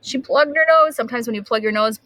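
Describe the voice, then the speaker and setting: Here a teacher with a somewhat high voice brings a picture book to life for a group of little children, captured in a dry recording. Expect big gasps, drawn-out emphasized words, and pauses where she asks the listeners questions.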